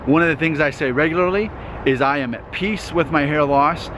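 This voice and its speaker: Talking to camera in an earnest vlog monologue, a YouTube host in his thirties speaks fairly quickly in a high-ish voice. He repeats himself and keeps asking "okay?", with traffic noise filling the outdoor recording.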